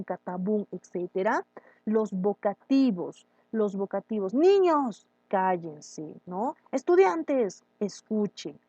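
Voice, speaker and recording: A woman teaching a grammar lesson, explaining step by step and checking in often with quick questions. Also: mid-range voice, warm tone, no room sound, muffled recording.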